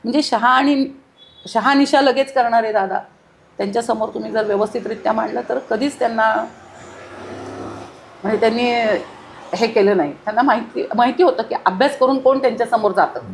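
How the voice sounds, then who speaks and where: A woman's voice: on the high side, brisk, slight background noise. A middle-aged woman, a former mayor, giving earnest, emphatic interview answers full of long lists of detail.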